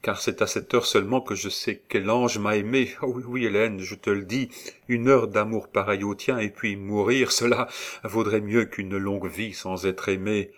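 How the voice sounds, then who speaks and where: A man's voice: lowish voice, steady tone, normal speed, close to an everyday voice. A man reading a novel aloud, voicing a condemned young man in an earnest, tender way. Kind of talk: audiobook reading of a classic novel.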